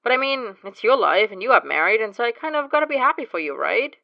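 A woman voicing a blunt young man, loud and incredulous, in a fan story read aloud. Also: fairly high pitch, very animated, quick pace, vocal fry, dry recording, dull audio, voice pushed up.

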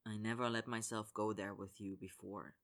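A man reading aloud as an earnest, apologetic young man who speaks softly and hesitantly. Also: lowish voice, little pitch movement, normal speed, pitched below the performer's own voice. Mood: soft, pleading. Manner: soft, pleading, hesitant.

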